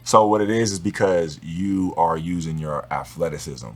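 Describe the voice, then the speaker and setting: A man talking as a guest in a relaxed, casual conversation, slangy and swearing freely. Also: low voice, normal speed, a little hiss or hum. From Los Angeles area.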